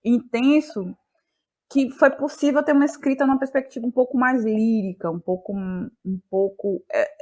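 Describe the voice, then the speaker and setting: A playwright and actress from Bahia, Brazil reflects on her creative process as an interview guest. Her slightly high, mellow voice moves at a normal speed as she searches for words, repeating them while her ideas take shape.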